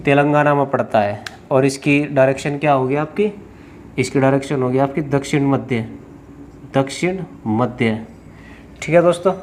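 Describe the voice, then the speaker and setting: A man teaching at a board in a steady, middle-pitched voice, stretching out names as he writes. He poses questions to the class and answers them himself. A faint background noise sits under the recording. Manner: explains step by step, asks and answers own questions; drawls place names slowly while writing.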